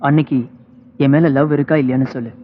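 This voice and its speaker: An actor playing an earnest, persistent young man who talks softly as he pleads his case. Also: mid-range voice, little pitch movement, fast, a little hiss or hum, lightly acted. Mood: persuasive. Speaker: film hero. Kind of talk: romantic film dialogue. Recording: dull film soundtrack with loud music.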